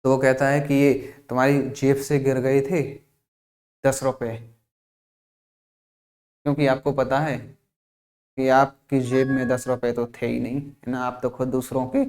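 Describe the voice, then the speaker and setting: A man's voice: mid-range voice, level tone, measured pace, pauses often, darkish tone. Indian man drilling English phrases. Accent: Hindi. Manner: repetitive, drilling phrases with questions to the class. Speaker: spoken English teacher. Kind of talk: classroom lesson.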